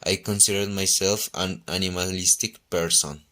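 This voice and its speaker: A nineteen-year-old man with a Colombian accent reads in English in a low voice with little melody. His delivery is careful, in short phrases. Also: steady tone, normal speed, pushed and bright. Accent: Colombian Spanish. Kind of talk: reading a self-introduction.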